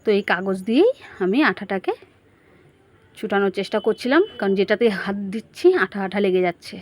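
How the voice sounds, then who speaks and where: A woman's voice: medium pitch, lively intonation, a little fast. Chatty woman vlogger talking to viewers. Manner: chatty, talks straight to viewers, asking them questions. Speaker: family vlogger. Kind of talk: casual narrated home and outing vlog.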